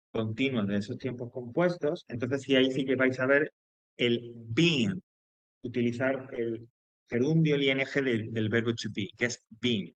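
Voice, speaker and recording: Casting note: Spaniard, male teacher mid-lesson, mid-pitched voice, dry close sound. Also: dry recording. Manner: explanatory, with frequent fillers, restarts and checks like "¿vale?". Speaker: English teacher. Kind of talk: classroom grammar lesson.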